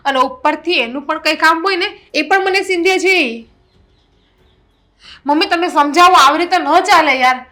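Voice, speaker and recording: A woman's voice: very high voice, normal speed, pushed and bright. An actress playing an indignant elder daughter-in-law who scolds her lazy sister-in-law and complains to her mother-in-law. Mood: complaining. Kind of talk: Gujarati family stage drama.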